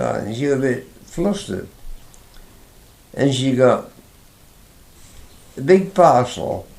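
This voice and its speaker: An older Englishman, interviewed as a father recalling his youth, tells a rambling, chatty fishing anecdote, restarting often. His voice is mid-range and a little mellow, and the room is echoey.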